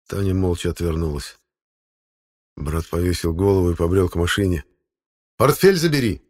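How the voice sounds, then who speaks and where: A man narrating an audiobook in a steady, measured storytelling manner. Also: deep voice. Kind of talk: scripted narration.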